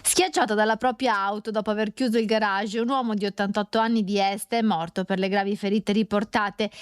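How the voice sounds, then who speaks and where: A woman reading a scripted news voice-over fluently. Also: medium pitch. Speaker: news reporter.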